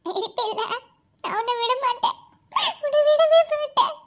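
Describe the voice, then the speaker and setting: A woman's voice: very high voice, expressive, normal speed. A woman voicing a young cartoon wife who clings to her husband, pleading and sobbing through her words. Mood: clingy. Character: young wife, tearful and clingy, fearing loss. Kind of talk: animated cartoon voice acting.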